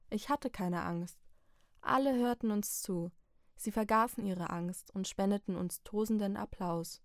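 A woman narrating a first-person story in a measured, reflective reading voice. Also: medium pitch, a little mellow, dry recording, clean studio sound. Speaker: audiobook narrator.

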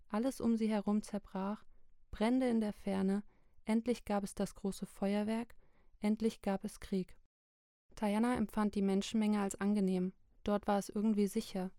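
A woman narrating a literary book chapter in a slow, measured, even reading. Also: medium pitch, no echo, clean studio sound. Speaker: audiobook narrator.

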